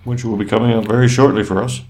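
A man's voice: lowish voice, steady tone, quick pace, a little mellow. Dry, teasing male podcast co-host. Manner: dry, teasing banter with frequent laughs. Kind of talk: casual chat.

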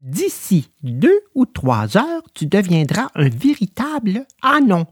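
Little marmot, gentle, consoling, wide swooping pitch, dry sound. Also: female voice, huge pitch swings, slow pace, slightly rough, no echo, full character voice. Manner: consoling, sighing. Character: small female marmot, gentle and wise. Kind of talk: storybook drama.

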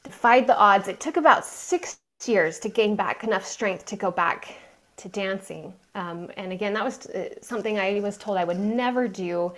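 A woman with a mid-range, slightly bright voice talks at normal speed as a podcast guest. A mind coach, she recounts her life story in interview form, earnestly and emphatically.

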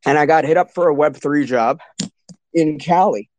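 Casual, swearing frat bro show host. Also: male voice, fairly high pitch, normal speed, a little mellow, no echo. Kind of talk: casual hyped live chat.

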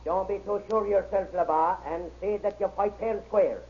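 Man doing a hearty cafe owner, high voice, dull old radio sound. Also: fairly even intonation, moderate pace, a little mellow, natural voice. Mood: stern. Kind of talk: 1930s radio drama acting.

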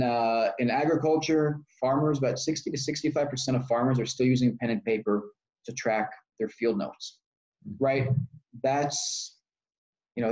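A man's voice: medium pitch, darkish tone. A man from Texas, a startup founder being interviewed, explaining at length with fillers and self-corrections. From Texas, United States. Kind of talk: conversational interview answers. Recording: dull lo-fi sound.

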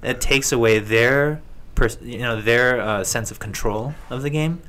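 A man's voice: medium pitch, a little slow, a bit bright. A man speaking as a guest in a casual, improvised way, often searching for his words. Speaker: guest pitching game ideas. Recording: clear background noise.

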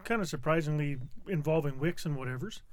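A man's voice: fairly high pitch, fairly quick, dry recording. A man co-hosting a podcast, joking and swearing as he tells a bathroom story in casual banter. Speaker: podcast co-host.

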